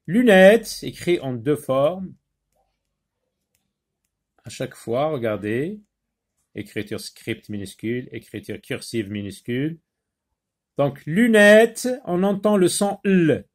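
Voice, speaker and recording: A man teaching a phonics lesson to young children, repeating words slowly and hesitating often. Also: medium pitch, big pitch swings. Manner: slow and deliberate, repeats words and syllables; frequent hesitations with euh.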